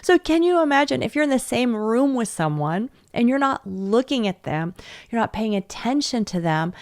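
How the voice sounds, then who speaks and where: A woman in her forties giving a teaching webinar to parents, talking in a lively way, laughing often and acting out quoted voices. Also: medium pitch, dry recording, clean studio sound. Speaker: webinar presenter. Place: home office, not in the same room as her audience.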